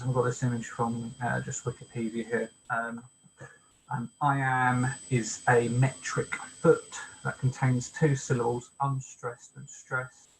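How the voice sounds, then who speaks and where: A man leading a poetry workshop, explaining step by step in a casual lecture style, with many pauses and ums. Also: medium pitch, a bit bright, slight background noise, low-quality recording. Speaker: workshop leader. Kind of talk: informal online workshop lecture.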